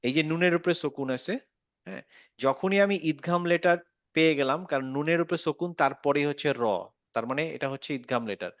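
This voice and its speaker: Man teaching recitation, patient, repeats and checks, slightly high voice, dry dull sound. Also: a little fast, no echo. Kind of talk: online tajweed lesson.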